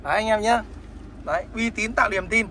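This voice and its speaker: A man talks quickly in a high voice, hawking a motorbike with salesman patter. He is recorded outdoors on a phone camera, with faint background noise. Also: pushed and bright. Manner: fast salesman patter, repeats short tags. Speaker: motorbike dealer vlogger. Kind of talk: casual selling vlog.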